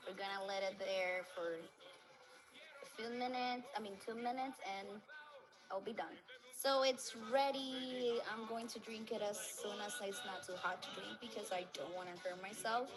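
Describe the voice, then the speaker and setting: A woman from the Republic, gently explaining a home cooking demonstration step by step. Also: medium pitch, steady tone, unhurried, low-quality recording. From Dominican Republic. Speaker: student affairs coordinator. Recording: video with background music.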